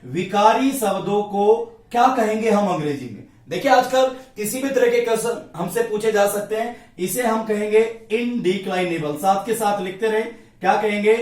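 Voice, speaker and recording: A male Hindi grammar teacher giving an exam-prep lecture at a board, drilling each point by asking a question and answering it himself. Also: high voice. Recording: echoey room, voice from a distance.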